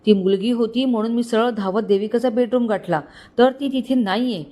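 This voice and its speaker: A woman voicing a drunk, furious rich young man who shouts and curses at his servants in a storybook reading. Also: fairly high pitch, fairly quick, lightly acted. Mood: agitated. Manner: shouting, abusive.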